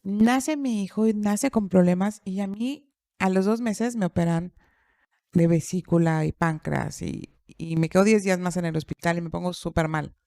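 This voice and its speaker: A woman's voice: lowish voice, moderate pace, vocal fry, warm tone, no room sound, clean studio sound. Middle-aged woman telling her story. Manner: repeats phrases for emphasis; acts out quoted dialogue. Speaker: podcast speaker. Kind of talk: personal storytelling in casual chat.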